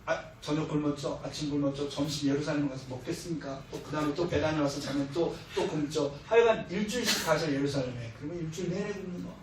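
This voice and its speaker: A man's voice: a little high, fast, hardly any pauses, slight background noise. A middle-aged man preaching as a missionary speaker, telling stories with humor and acting out what people said. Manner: humorous storytelling, acting out quoted lines. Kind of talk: sermon. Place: church hall. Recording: echoey hall, heard from far off.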